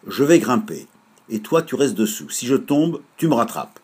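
A man's voice: mid-range voice, very animated, moderate pace, a little mellow, breathy edge, pitched above the performer's own voice. A man voicing an inventive, bossy young boy in a storybook reading, speaking raised and eager. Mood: eager, urgent.

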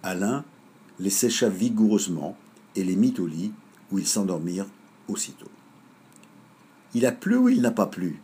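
A man reading a children's story aloud in a measured, lively way. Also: deep voice, slight background noise.

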